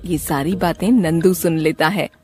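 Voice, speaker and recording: A woman reads scripted storybook narration for a children's cartoon, her fairly low, slightly mellow voice at a normal speed with fairly even intonation. Faint music sits behind her.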